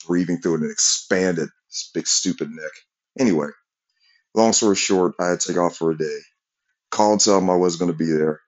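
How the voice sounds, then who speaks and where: A man's voice: deep voice, muffled recording. A man telling a rambling, profane story about work in a casual rant.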